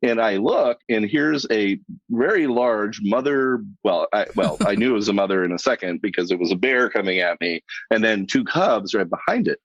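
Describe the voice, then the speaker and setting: A middle-aged man, a podcast guest, telling lively anecdotes in conversation and laughing as he goes. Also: lowish voice, normal speed, no room sound. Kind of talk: storytelling in a podcast interview. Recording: dull lo-fi sound, dry.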